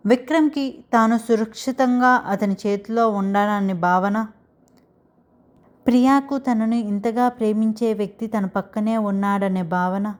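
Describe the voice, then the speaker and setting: Woman, storyteller, romance audiobook narration, steady expressive reading. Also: mid-range voice.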